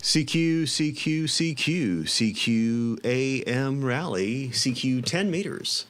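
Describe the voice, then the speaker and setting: A man's voice: mid-range voice, animated, slow, fairly bright tone, a little hiss or hum. A man speaking as an amateur radio operator, casually making and calling for contacts. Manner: spells call signs in phonetic alphabet.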